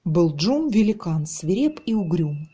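A woman reading a rhyming children's story aloud in slow, rhythmic verse. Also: lowish voice, big pitch swings, dark tone, husky, lo-fi sound.

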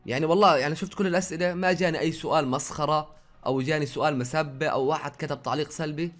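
A young Jordanian man rattles along at a very fast pace in a slightly raised voice, slipping some Saudi words into his dialect. He talks casually to his viewers from his own room, reading their questions aloud and answering them one after another. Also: on the high side, steady tone, faint music behind. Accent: Jordanian Arabic with some Saudi words. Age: young adult. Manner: rapid, chatty, reads viewer questions aloud then answers. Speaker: YouTuber.

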